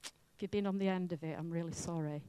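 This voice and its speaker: A woman from Wales with a Welsh accent, preaching a sermon in a chatty, self-mocking and lively way. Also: on the low side, quick pace, clean tone, no echo.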